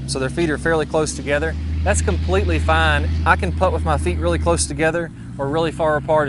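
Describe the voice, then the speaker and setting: A quick-talking man in his thirties with a drawl, coaching golf in a brisk, friendly way. He talks outdoors on a putting green, picked up cleanly by a clip-on mic. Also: on the high side, noisy background. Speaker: golf instructor. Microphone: lapel mic.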